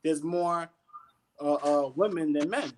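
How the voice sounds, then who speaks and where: Taking his time, a guest on a laid-back panel holds forth with enthusiasm in street slang. He keeps tossing in "you know what I'm saying," and his pitch is notably high for a male speaker.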